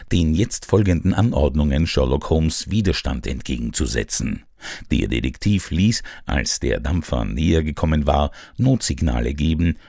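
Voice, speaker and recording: A man narrating an old detective adventure as an audiobook, in a measured, dramatic storytelling manner. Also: extremely low pitch, gravelly, darkish tone, dry recording, clean studio sound.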